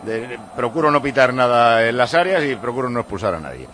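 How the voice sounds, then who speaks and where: A man hosts a radio football show and talks at a quick clip with a middle-range pitch. He jokes and passes the word to colleagues around the table. A faint noise sits behind him. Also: animated, fairly bright tone. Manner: quick, joking, hands off to colleagues. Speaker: radio sports show host. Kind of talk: live radio football round-up.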